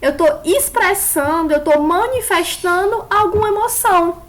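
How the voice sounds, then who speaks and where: A woman's voice: very high-pitched, unhurried. A woman teaching an online class, explaining step by step and putting questions to her pupils.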